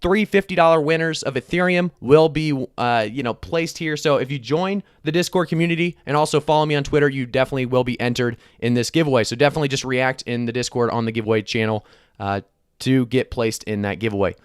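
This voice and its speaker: A man's voice: medium pitch, steady tone, fast, clear, resonant tone, no echo, studio quality. A man hosting a casual live stream, chatting with many fillers while reading figures off the screen. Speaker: crypto live stream host.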